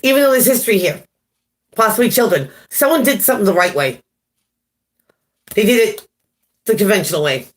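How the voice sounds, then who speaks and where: A woman's voice: medium pitch, expressive, brisk, long pauses. A woman giving a casual live-stream tarot reading, chatty, laughing at her own jokes and greeting viewers by name. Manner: chatty, laughs at herself often. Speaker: tarot reader.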